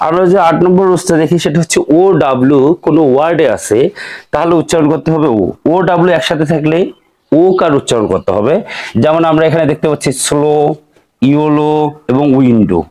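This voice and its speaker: A man with a voice a little on the high side explains English spelling rules in a steady, patient classroom manner. He breaks each word into its sounds one by one and asks rhetorical questions to keep listeners along. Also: quick pace. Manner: patient, step-by-step, asks and answers his own questions. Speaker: English phonics teacher.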